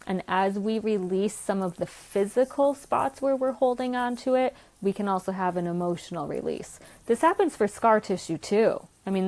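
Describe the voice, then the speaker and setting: Young adult woman, physical therapist guest; earnest, explanatory, podcast interview. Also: medium pitch. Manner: explanatory, earnest, speaks from clinical experience.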